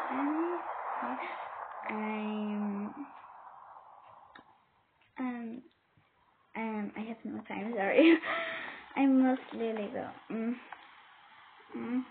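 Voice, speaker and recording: Woman gamer, hesitant and filler-heavy, role-play commentary, faint background hiss. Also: on the high side. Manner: hesitant, many fillers and exclamations. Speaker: game player. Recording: tinny phone-like audio with faint noise.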